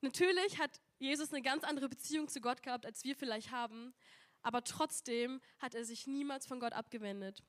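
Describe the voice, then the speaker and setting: Woman preaching with a high voice. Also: fairly quick. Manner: earnest, asking rhetorical questions, reading scripture aloud. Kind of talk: sermon.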